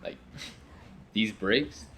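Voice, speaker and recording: A man's voice: very slow, sharp tone, a little hiss or hum. A young man rambling through casual let's-play commentary, swearing when frustrated, his voice getting worn from talking. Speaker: gaming video host.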